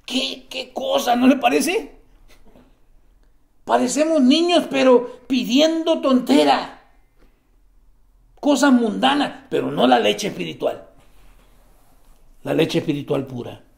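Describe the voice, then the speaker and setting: A man preaching with a high-pitched, heavily gravelly voice. He swings between loud, climbing exclamations and low, hushed stretches. The tone is a pulpit sermon. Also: expressive, slow, pauses often.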